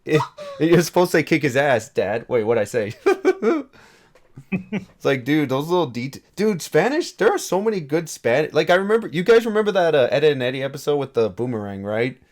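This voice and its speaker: A man's voice: fairly high pitch, sing-song, brisk. A man chatting casually on a podcast, rambling, with lots of "like" and swearing. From Mexico. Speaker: podcast co-host. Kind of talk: casual chat.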